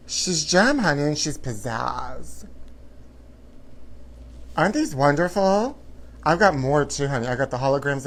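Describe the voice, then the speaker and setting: A man hosting a live gossip show in casual chat, with a sassy, campy, theatrical drag-queen style of talking. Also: fairly high pitch. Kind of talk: casual livestream chat to viewers.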